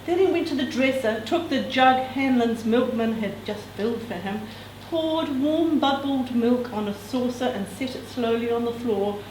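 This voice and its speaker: At a literary event, a woman with a slightly mellow, higher-pitched voice reads a novel extract aloud to others with expression, at normal speed and with few pauses, adding casual asides. The mic is distant, the room echoey, and there's background noise.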